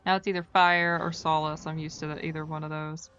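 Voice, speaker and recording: Woman streamer, bright voice, dull lo-fi mic, game music underneath; chatty, self-deprecating. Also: low voice, level tone, a little fast, slight background noise. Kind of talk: casual gameplay commentary.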